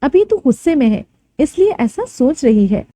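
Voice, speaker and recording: A woman's voice: high voice, big pitch swings, moderate pace, mellow, dry recording, clean studio sound. A woman storyteller voicing a chatty, caring young woman friend from college who talks casually and mixes in English words. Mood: persuading.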